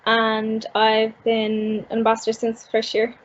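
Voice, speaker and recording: A woman's voice: on the high side, monotone, slow. A young woman in her twenties introducing herself as a student ambassador on a video call, brief and matter-of-fact. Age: 20s. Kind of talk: casual chat. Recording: muffled video-call audio.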